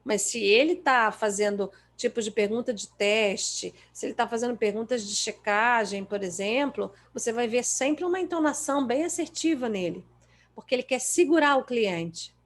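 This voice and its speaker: A woman with a Brazilian Portuguese accent giving a lecture on coaching questions, lively and emphatic, acting out how clients reply. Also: a little high, moderate pace. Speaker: coaching trainer.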